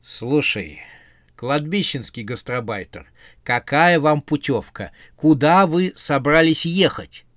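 A man's voice: a little high, animated, fairly bright tone, dry recording, clean studio sound. Exasperated scolding witch, voiced by a man. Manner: exasperated, scolding, quick retorts. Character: irritable sharp-tongued young witch, exasperated.

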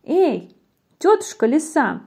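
A woman voicing a tiny, cheeky male mouse in a rhyming storybook, squeaking and bragging. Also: moderate pace, slightly rough. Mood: boastful. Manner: cheeky, excited, shouting greetings. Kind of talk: storybook reading in verse.

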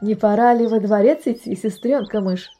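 A woman's voice: mid-range voice, moderate pace, mellow, natural voice. A woman voicing a lazy, sleepy female cat in a storybook reading.

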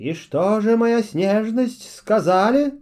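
An imperious ice witch queen from a children's storybook, as a man puts her on. Her voice rides higher and louder than the reader's own, icy and scornful, giving orders with cold contempt. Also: lively intonation, slow pace. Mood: icy commanding. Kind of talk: children's audiobook acting.

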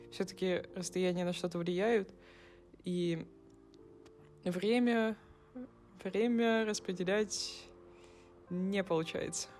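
A woman's voice: lowish voice, a little mellow. A woman in her twenties giving a recorded personal message, rambling and correcting herself with wry humor. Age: 20s. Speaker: former podcast co-host.

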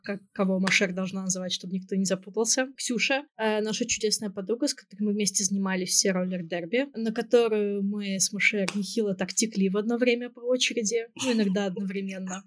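A woman of thirty co-hosting a podcast in casual, foul-mouthed chat, with a burred, non-standard r and a habit of butting in. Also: medium pitch. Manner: playful, foul-mouthed, interrupting. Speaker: podcast co-host. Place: remote video call.

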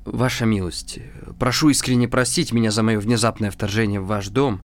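A man playing a young clerk who speaks softly with long, deferential, formal phrasing. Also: lowish voice, steady tone, moderate pace, no room sound, close to an everyday voice. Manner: deferential, long-winded, soft-spoken. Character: young male clerk, anxious and overly formal.

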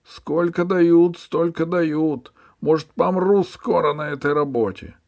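Old ferryman over 60, high, drawn-out whining pleas. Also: darkish tone. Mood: wailing pleading. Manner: high wailing pleading. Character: old male ferryman, poor, groveling.

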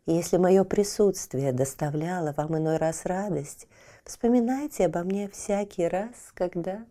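A woman voicing a sweet-talking male sugar figure in a children's audio tale, syrupy and slow. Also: lowish voice, warm tone, close to an everyday voice.

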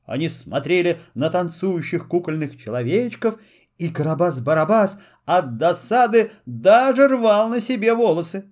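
A man narrating a children's fairy tale in an expressive storytelling manner. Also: high voice, moderate pace. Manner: lively, storytelling.

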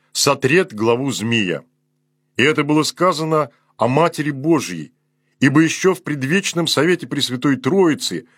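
Husky-voiced priest reading a solemn sermon. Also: male voice, mid-range voice, a bit bright, no echo. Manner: slow and measured, voice sinks at the close of each phrase.

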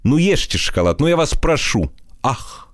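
A man voicing an excitable, fawning male wit who gushes compliments with breathless sighing exclamations. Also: medium pitch, moderate pace, dry recording, clean studio sound, pitched above the performer's own voice, lightly acted. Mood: gushing.

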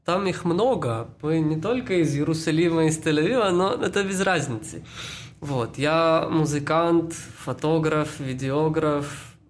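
A man in his mid-twenties from Israel co-hosts a laid-back podcast. His voice sits fairly high and he talks bluntly with slang, over a faint hiss of background noise. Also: a little slow. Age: 20s. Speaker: podcast co-host. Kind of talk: casual chat.

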